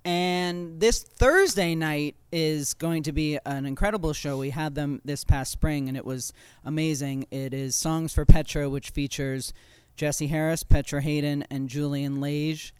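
A woman's voice: sits low, steady tone, unhurried, hardly any pauses, a little mellow, clean tone, no echo. A woman co-hosting a podcast in casual chat, upbeat and joking as she runs through the week's shows. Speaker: co-host.

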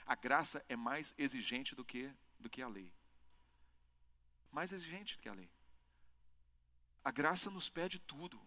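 A man preaching a sermon as pastor, swinging between loud impassioned peaks and low, weighty emphasis. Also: animated, unhurried, pauses often. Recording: long hall reverb.

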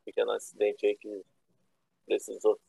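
A Brazilian man in his thirties with a Rio de Janeiro accent, a guest who owns a classic car, tells rambling, slangy stories in a casual chat. His lowish voice is creaky and dark with a breathy edge. The remote call sounds roomy and thin, like a phone.

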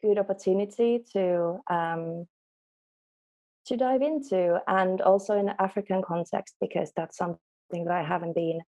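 A woman's voice: medium pitch, normal speed, dark tone. A young woman from Finland, a native Finnish speaker, answering as an interview guest over a remote call, hesitant with many ums. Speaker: guest, law student. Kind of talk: casual interview.

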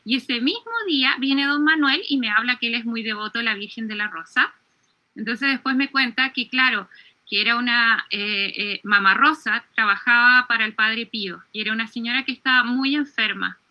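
A woman, earnestly telling a devotional story in conversation, often pausing and restarting. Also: on the high side, highs cut off. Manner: earnest, with frequent hesitations and restarts.

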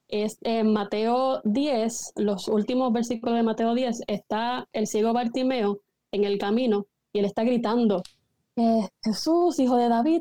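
Animated woman retelling a story, mellow voice. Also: fairly high pitch, dry recording. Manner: animated storyteller who acts out quoted lines. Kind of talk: casual faith discussion.

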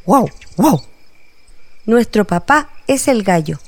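A woman's voice: fairly high pitch, sing-song, unhurried, no room sound. Brief: storybook chicks, small and eager, barking, voiced by a woman. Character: three little chicks barking like a dog.

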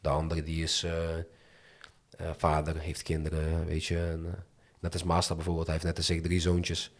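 Deep-voiced young man talking Dutch street slang. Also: monotone, moderate pace. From moved to the Netherlands from abroad as a child. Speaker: interview guest. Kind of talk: casual, candid interview chat.

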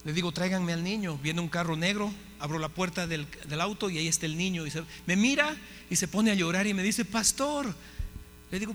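A man, a pastor, telling a story in a sermon with lively acted-out dialogue. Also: sits high. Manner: animated storytelling, acting out dialogue. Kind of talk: sermon testimony. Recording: hall reverb, faint hum.

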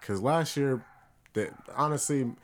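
A man co-hosting a casual podcast, loud joking banter with slang, from the Bay Area. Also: medium pitch, measured pace. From San Francisco Bay Area. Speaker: podcast co-host. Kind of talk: casual chat.

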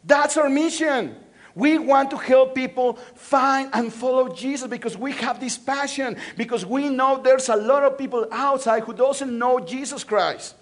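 In church, a Mexico City pastor with a Mexican Spanish accent delivers a sermon in a very high-pitched, unhurried voice. Repeating phrases through call-and-response, he swings between loud and soft.

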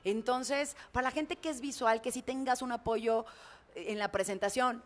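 A woman with a Mexican accent, a public speaker and announcer, telling anecdotes in a lively, colloquial, frank way in conversation. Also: a little high, normal speed. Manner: expressive, imitates heartbeats and screams. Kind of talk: animated storytelling in conversation.

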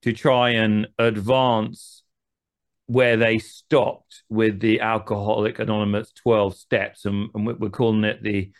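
A man hosts a conversational interview, posing long, winding questions packed with asides. His voice is on the low side, with little pitch movement and a measured pace.

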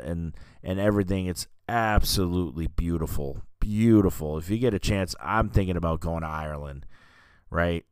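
A man's voice: low-pitched, clear, resonant tone, no echo. A man hosting a casual film review podcast, talking loosely with many fillers and restarts. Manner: rambling, lots of fillers and restarts, says dude and you know what I mean. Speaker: podcast host reviewing films.

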